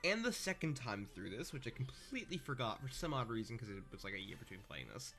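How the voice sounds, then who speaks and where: A man's voice: medium pitch, big pitch swings, quick pace, sharp tone. A young man giving casual, sarcastic commentary over a video game he is playing, breaking off into joking asides. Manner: sarcastic, joking asides, wanders off mid-sentence. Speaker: let's-play gamer. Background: faint game music.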